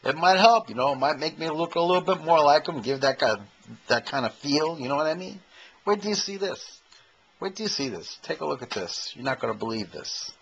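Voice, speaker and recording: A man's voice: fairly high pitch, expressive, fairly quick, gravelly, a bit bright, a little hiss or hum, poor audio. A man in his fifties doing a rambling, self-mocking comedy monologue to a camcorder in his own room. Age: 50s. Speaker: amateur comedian and impersonator. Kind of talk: stand-up comedy monologue to camera. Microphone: handheld camcorder mic.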